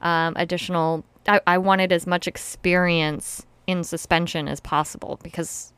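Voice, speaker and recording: A woman's voice: on the low side, flat delivery, normal speed, fairly bright tone, clear, resonant tone, no room sound. A woman hosting a casual podcast who teaches rope classes, explaining step by step and laughing easily. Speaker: podcast host and rope bondage instructor.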